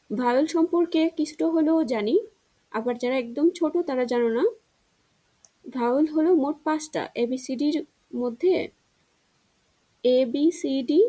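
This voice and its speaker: A woman teacher giving a children's reading lesson, spelling words out slowly and drawing them out. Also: high-pitched, warm tone, poor audio. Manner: slow, drawn-out spelling drills.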